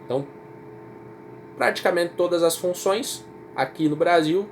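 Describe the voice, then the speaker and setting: A Brazilian man with a high, unhurried voice teaches a history class in a casual, repetitive way, often checking in with students using "certo?" and "tá?". The informal recorded lecture has a slight hiss or hum, and his accent is Brazilian Portuguese.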